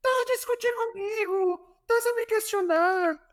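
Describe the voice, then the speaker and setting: A hot-tempered older football coach yells in a strained, high-pitched shout, as a man imitates him. The voice jumps far above the speaker's normal pitch and sounds as if it carries across a training pitch. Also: measured pace. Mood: scolding.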